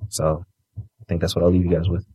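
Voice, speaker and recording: A man, a wrestling guest, giving earnest motivational words in a steady, measured way. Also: deep voice, slightly rough, no room sound, studio quality.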